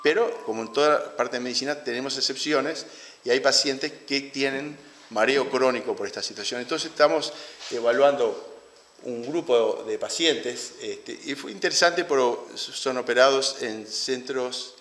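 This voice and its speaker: A man with a Uruguayan Spanish accent giving an academic lecture, halting and restarting his phrases often. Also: mid-range voice, fairly bright tone. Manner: halting, with frequent restarts and fillers. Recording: roomy hall with long reverb.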